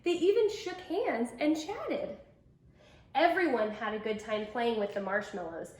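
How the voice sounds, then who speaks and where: A woman with a slightly high, animated voice and a darkish tone reads a picture book to kids at an unhurried pace. She tells it with expression and emphasis, speaking asides to her young listeners, and the room has an echo.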